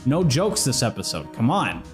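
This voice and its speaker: A man's voice: medium pitch, wildly swooping pitch, normal speed, soft background music. A man hosting a playful let's-play, joking and reading game dialogue aloud. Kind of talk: playful game commentary and voicing.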